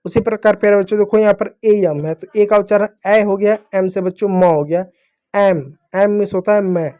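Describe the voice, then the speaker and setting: A young man teaches small children how to read, his voice pitched high yet soft and mellow. He goes patiently, posing each rule as a question and then answering it himself. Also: steady tone, brisk. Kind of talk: phonics lesson for young children.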